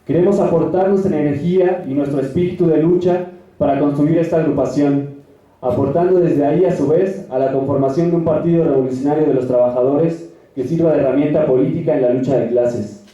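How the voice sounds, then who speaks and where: Young guy reading out a rallying political speech, kinda high voice, far from the mic in a boomy echoey hall. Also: fairly even intonation, brisk, dark tone. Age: young adult. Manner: declamatory, formal, rallying. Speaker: youth political activist giving a speech. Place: large echoing hall at a rally. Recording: echoey hall, distant mic, dull sound.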